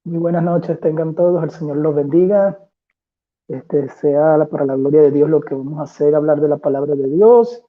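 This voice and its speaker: A man's voice: fairly high pitch, normal speed. A Venezuelan man greeting a debate audience in a devout, blessing-filled manner. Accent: Venezuelan Spanish. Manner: warm, devout, with frequent blessings. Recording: phone-like thin audio.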